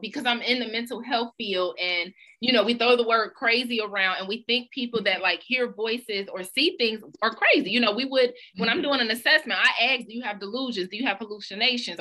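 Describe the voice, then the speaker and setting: Bright-voiced, animated woman chatting. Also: a little high. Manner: animated storytelling, acts out her own past thoughts. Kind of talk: casual chat.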